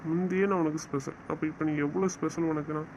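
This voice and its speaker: A man's voice: a little high, fairly even intonation, quick pace, lightly acted. A man as a scolding, coaxing husband. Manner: scolding, lecturing, then coaxing. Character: stern but loving young husband. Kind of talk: audio drama acting. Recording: dull lo-fi recording with faint noise.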